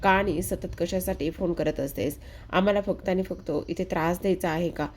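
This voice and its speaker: A woman reading the lines of a stern, angry brother giving orders, in a low, mellow voice close to her own. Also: steady tone, normal speed, slight background noise, lightly acted.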